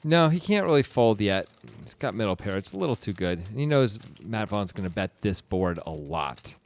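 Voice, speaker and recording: A man's voice: on the low side, normal speed, a little hiss or hum. A man commentating a poker game in a casual, playful way, calling hands and teasing his co-host. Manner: playful, teasing, bursts of excitement.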